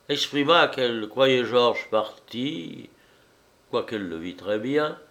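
A man narrating a classic novel in a measured, expressive storytelling voice. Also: medium pitch. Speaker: audiobook narrator. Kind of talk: literary reading of a classic novel.

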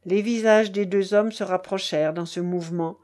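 A woman narrating a literary story in a measured, dramatic storytelling manner. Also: medium pitch, steady tone, a little mellow.

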